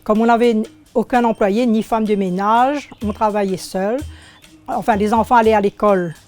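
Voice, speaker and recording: An older woman in her sixties from Réunion, speaking, recalling her life as a shopkeeper in an unhurried, hesitant way. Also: mid-range voice, fairly even intonation, a little mellow, soft background music. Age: 60s. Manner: unhurried, hesitant, searching for words. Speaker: shopkeeper interviewee. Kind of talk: oral history interview.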